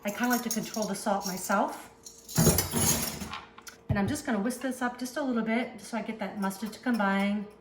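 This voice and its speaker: Chatty and upbeat, a woman with a Northeastern accent from the Northeast US hosts a cooking channel, talking as she works in her home kitchen. Her mid-range voice is fairly quick but broken by long pauses. The recording is roomy, with background noise.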